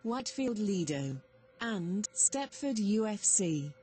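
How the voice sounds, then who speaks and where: A woman voicing an automated female train station announcer, reading platform announcements in a slow, even way. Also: medium pitch, a crowd in the background. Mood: formal. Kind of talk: automated public address announcement.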